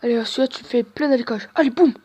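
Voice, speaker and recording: Woman doing chatty play-by-play over a football game she's playing, higher voice, dry close sound. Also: fast, a little mellow, husky, dry recording, dull audio. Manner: chatty play-by-play, cheering players on. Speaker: gamer. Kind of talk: football video game commentary.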